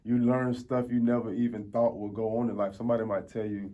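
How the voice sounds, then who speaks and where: This food reviewer from Tampa, Florida, a man in his 40s, tells casual stories in street slang while being interviewed. He talks a little fast in a low, level voice, and the audio has a phone-like quality.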